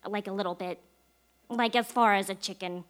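Woman as boastful six-year-old boy, bright voice, deadpan bragging, radio comedy. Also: mid-range voice, moderate pace, close to an everyday voice. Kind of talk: live comedy radio play.

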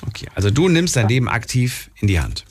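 A man's voice: mid-range voice, very animated, quick pace, slight background noise. A young man hosting a phone-in radio show, asking friendly, probing questions. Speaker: radio host.

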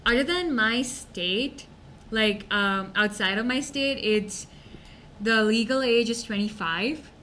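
A woman's voice: on the high side, takes it slowly, bright, forceful tone, slight background noise. A young woman from India, an international student guest speaking casually with "like" fillers. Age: young adult. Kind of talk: casual chat.

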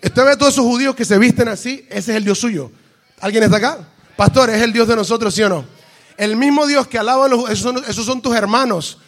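High-voiced Spanish-speaking male preacher. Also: quick pace. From lives in Florida, United States. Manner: animated preaching, mixes Spanish with English phrases; swings from hushed storytelling to shouted emphasis. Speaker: pastor. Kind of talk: sermon.

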